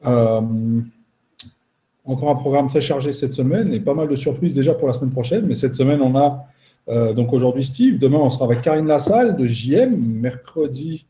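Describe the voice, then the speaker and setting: A man hosting a live online chat, relaxed and chatty with some fillers. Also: medium pitch, moderate pace. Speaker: host.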